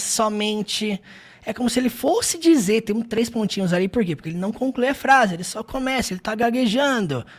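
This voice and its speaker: An English teacher with a Brazilian Portuguese accent, explaining film clips and repeating phrases slowly with frequent tag questions. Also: mid-range voice.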